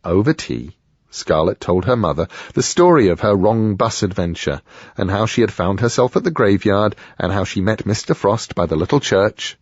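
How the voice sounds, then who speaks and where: A man narrating an audiobook in an expressive storytelling style. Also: fairly low pitch, moderate pace, dry recording, dull audio. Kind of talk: scripted narration.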